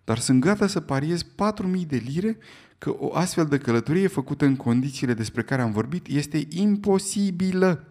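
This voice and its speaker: A man voicing an excitable, easily offended English club gentleman who speaks in a raised, exclamatory way in an audiobook reading. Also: on the high side, voice pushed up. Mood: exclaiming.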